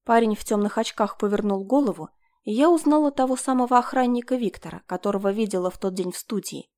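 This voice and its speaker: Woman narrator, audiobook reading, first-person crime story, mid pitch, measured, even.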